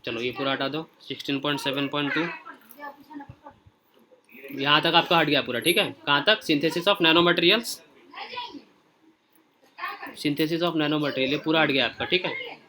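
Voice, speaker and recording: A man's voice: fairly high pitch, measured pace, long pauses, noisy background. A man teaching a class online, talking informally and directly to his students while going through pages and checking in often. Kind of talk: casual screen-share lesson.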